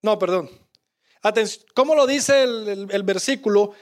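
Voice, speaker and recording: A man preaching a sermon as pastor, impassioned, dropping to a hush when he quotes Jesus. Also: high voice, measured pace.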